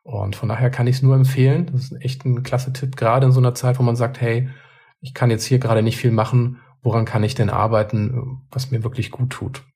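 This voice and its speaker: A man co-hosting a podcast and chatting casually and reflectively. His voice is gravelly and a little husky, with a dark, mellow tone. He often restarts and repeats words as he works through a thought. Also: mid-range voice, little pitch movement, brisk. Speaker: podcast co-host.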